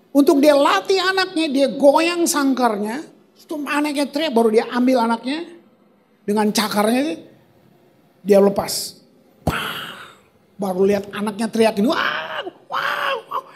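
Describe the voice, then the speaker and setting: A male pastor with a very high-pitched voice delivers a lively evening prayer sermon during a church service. Animated and playful, he uses colloquial slang and rhetorical questions, acting out sounds and cries for emphasis.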